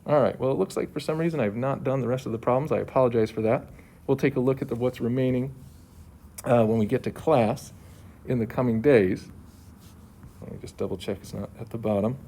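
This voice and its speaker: A math teacher at a school talks fairly quickly in a warm, medium-pitched voice, breaking down homework solutions step by step. Faint background noise accompanies him, and his face mask muffles him a little.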